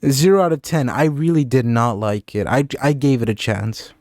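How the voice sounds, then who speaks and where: A young man giving a casual, deadpan review of candies, with sarcastic jokes and scores out of ten. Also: medium pitch, moderate pace, no room sound. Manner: deadpan, sarcastic, jokey asides. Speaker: candy reviewer. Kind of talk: casual comedic review vlog.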